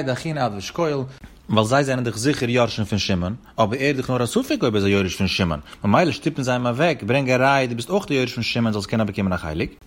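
A man's voice: medium pitch, slightly rough. A man teaching a legal text in a sing-song lecturing cadence that rises and falls as he works through each case. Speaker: Talmud teacher.

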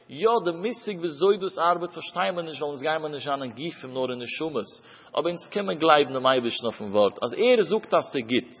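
A husky, fairly high-voiced man delivers a religious sermon, telling stories with emphatic rises and drops. The recording is dull and lo-fi, with a long reverb trailing his words. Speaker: preacher.

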